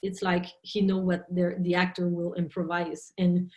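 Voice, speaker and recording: A woman film director, a native French speaker, speaking English in an interview, halting and searching for words. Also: lowish voice, completely flat delivery, darkish tone. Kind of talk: interview talk in a second language. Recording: roomy echo.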